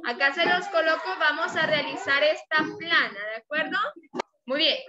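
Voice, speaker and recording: A woman kindergarten teacher giving a remote phonics lesson, sounding out syllables deliberately and praising often. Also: sits high. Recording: dull lo-fi audio with steady noise.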